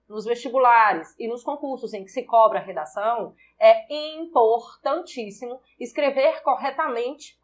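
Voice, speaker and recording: Brazilian woman teacher, higher voice, slow and careful, says words over and over. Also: a bit bright. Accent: Brazilian Portuguese. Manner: slow, deliberate, repeats example words aloud to stress syllables. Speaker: Portuguese teacher. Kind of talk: recorded online grammar lesson.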